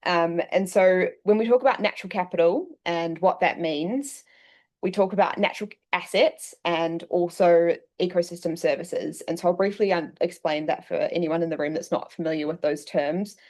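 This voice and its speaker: A woman from New Zealand giving a presentation to a room full of people. Her voice sits slightly low. She explains in a steady, measured way, filling pauses with ums. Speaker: session co-host presenting. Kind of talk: presentation talk. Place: meeting room with an audience.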